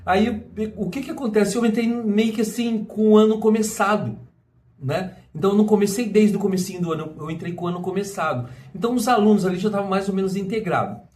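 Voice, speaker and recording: This middle-aged Brazilian man's voice sits high and sounds a little mellow, and he talks fast. He is a vlogger chatting casually to camera in a personal monologue, rambling along with many restarts and tag questions.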